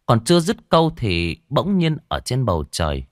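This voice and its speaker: A man reading a horror story aloud with dramatic, expressive delivery. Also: mid-range voice, normal speed, no echo, clean studio sound. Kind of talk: scripted horror story narration.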